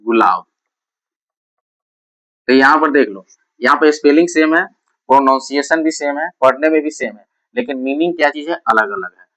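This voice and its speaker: A man's voice: fairly high pitch, moderate pace, pauses often, a bit bright, poor audio. Male tutor drilling vocabulary. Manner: repeats questions and answers them himself, drilling key points. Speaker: English tutor. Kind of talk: classroom-style lesson explaining English words.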